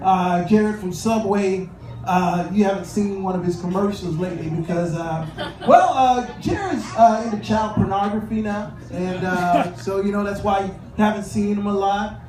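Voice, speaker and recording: A man with a very high voice performs a stand-up set, chatting through his stories and slipping into the voices of the people in them. He pauses often with "uh" between thoughts. The recording is roomy and taken from a distance. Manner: conversational storytelling with filler pauses, acts out both sides of dialogues. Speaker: stand-up comedian. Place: comedy club stage with audience laughter. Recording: echoey room, from a distance, noisy.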